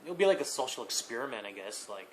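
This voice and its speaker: A young man answering viewer questions in a casual vlog, hesitant, with many fillers, pauses and small laughs. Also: medium pitch, expressive, a little hiss or hum.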